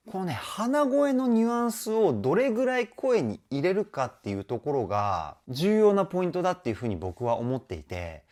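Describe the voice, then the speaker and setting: A man's voice: on the high side, a little mellow. A man working as a vocal trainer, reacting to a music video and breaking down the singing in an enthusiastic, chatty way. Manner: enthusiastic, chatty, often adds ね; sings short snippets to demonstrate.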